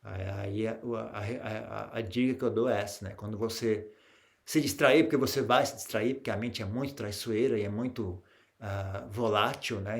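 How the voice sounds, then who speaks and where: A Brazilian man, a Buddhist monk, giving a calm meditation talk in a Brazilian Portuguese accent, with frequent tag questions and restarts that grow lively during his anecdotes. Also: on the low side. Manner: grows animated when telling anecdotes.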